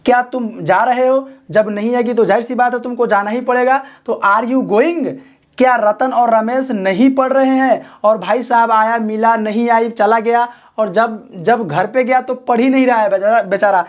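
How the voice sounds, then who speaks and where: A male English grammar teacher giving a lesson. He asks questions and answers them himself, slows down to spell out example sentences, and adds joking asides. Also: very high voice, fairly even intonation. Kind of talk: classroom-style grammar lesson.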